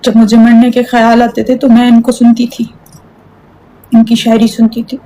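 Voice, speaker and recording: A woman's voice: fairly high pitch, completely flat delivery, normal speed, mellow, a little hiss or hum, poor audio. A young woman on a live stream, talking earnestly and pleadingly and repeating herself. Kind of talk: emotional live-stream chat.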